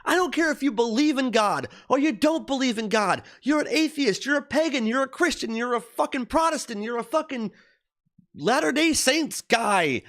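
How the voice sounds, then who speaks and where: A man with an extremely high, somewhat bright voice and lively intonation speaks at a moderate pace. Hosting a livestream, he vents in a heated, profane political rant, hammering his points with repeated emphasis.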